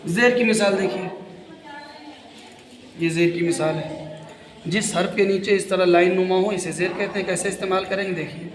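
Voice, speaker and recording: A man with an Indian Hindustani accent teaching Quran reading, patiently spelling out letters and repeating sounds step by step. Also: sits high. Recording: echoey room with reverb.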